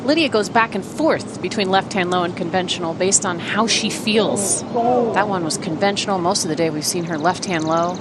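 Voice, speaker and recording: A woman's voice: lowish voice, moderate pace. A woman giving conversational, technical analysis as a golf commentator. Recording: very noisy outdoor broadcast sound.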